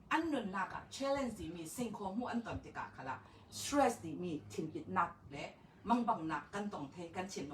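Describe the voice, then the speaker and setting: A woman counselor giving a calm informational talk in a slow, measured, reassuring way. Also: fairly high pitch. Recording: roomy, distant mic, faint background noise.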